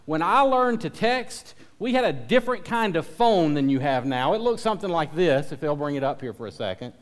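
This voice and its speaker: A man's voice: on the high side, animated, a little fast. A man giving a casual youth sermon, chatty and self-deprecating as he jokes with his audience. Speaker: youth pastor.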